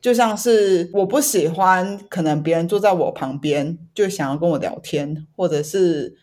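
A woman's voice: lowish voice, normal speed, a little mellow. Taiwanese-accented Mandarin female podcast host. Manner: drops English words into Mandarin. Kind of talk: casual chat.

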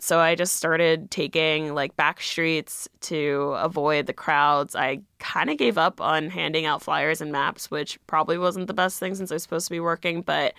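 A woman's voice: deep voice, fairly bright tone, clear, resonant tone, no room sound, studio quality. A woman from the United States telling a personal story in a chatty way, full of "like". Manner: chatty, fillers of "like" throughout. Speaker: guest storyteller.

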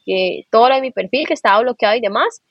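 A woman guest recounting her experience hesitantly, with many pauses and fillers. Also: a little high, expressive, husky, no room sound. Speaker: podcast guest. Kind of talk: personal storytelling.

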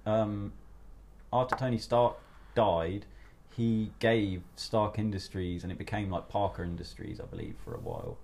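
A man hosting a podcast in casual, sweary chat, telling stories in an animated, blokey way. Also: fairly low pitch, moderate pace, creaky. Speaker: podcast host.

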